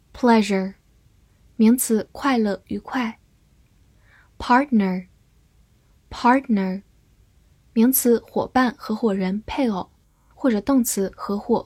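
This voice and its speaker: A woman's voice: fairly high pitch, darkish tone, husky, no echo. A woman teacher reading a scripted vocabulary review, saying each English word twice and then its part of speech and meanings.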